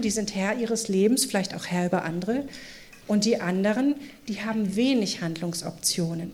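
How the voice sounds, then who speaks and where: A woman's voice: mid-range voice, a little mellow. A woman with a lilt delivers a sermon to a church congregation. She talks in an engaging way and keeps asking the listeners questions so they answer aloud. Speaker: preacher. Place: church service.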